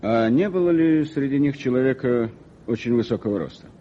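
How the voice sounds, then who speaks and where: A man playing a shrewd, self-assured police detective in an old radio play, with brisk, clipped delivery. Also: mid-range voice, animated, close to an everyday voice. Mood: probing, courteous. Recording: dull, band-limited old radio recording.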